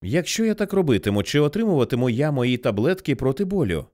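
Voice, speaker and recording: A man's voice: mid-range voice, very animated, fast, darkish tone, close to an everyday voice. A man reading an audiobook, voicing a frightened woman who pleads with a trembling voice for her pills. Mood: pleading.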